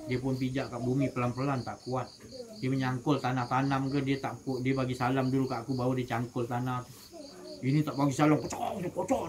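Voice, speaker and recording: Animated Malaysian man preaching to a gathering. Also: a little high. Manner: colloquial, asks the audience questions. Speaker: religious teacher. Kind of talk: informal religious talk to a gathering. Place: evening gathering with listeners.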